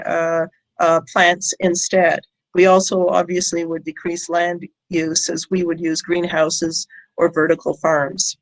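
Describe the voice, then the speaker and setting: A woman giving a prepared short talk as a scientist and founder, hesitating often with ums and pauses. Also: lowish voice, rough recording. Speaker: company founder and scientist presenting. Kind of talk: prepared short conference presentation. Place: online presentation with audience in chat.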